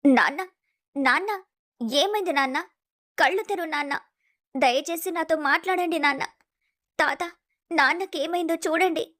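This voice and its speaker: A woman's voice: high voice, normal speed, natural voice. A woman voicing a young daughter in a storybook, fierce toward her in-law and pleading in distress. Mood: frantic pleading. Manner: pleading, emotional. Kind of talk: storybook voice acting.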